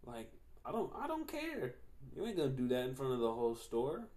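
A man's voice: mid-range voice, lively intonation, quick pace, dark tone. A young man hosting a podcast, rambling in a slangy, profane casual monologue full of "like". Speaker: podcast host.

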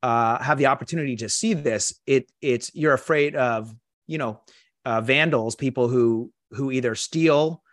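A man hosting an interview, reacting with enthusiasm and laughter and asking questions in halting, restarted phrases. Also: medium pitch, a bit bright. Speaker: interview host. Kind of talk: conversational interview.

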